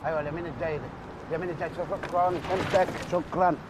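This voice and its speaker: A man's voice: a little high, fairly even intonation, racing, background noise, lightly acted. An actor with an Egyptian accent playing a brash, hapless young man who pleads, wheedles and curses in a comedy series. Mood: frantic. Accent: Egyptian Arabic. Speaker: comic lead in a TV series.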